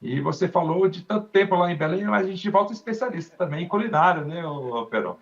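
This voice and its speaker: A man's voice: sits high, expressive, fast, dull audio. A man with a Brazilian Portuguese accent speaks as an industry panelist, explaining at length and often ending phrases with a questioning "né". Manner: explanatory, often tags sentences with "né". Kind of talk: panel discussion.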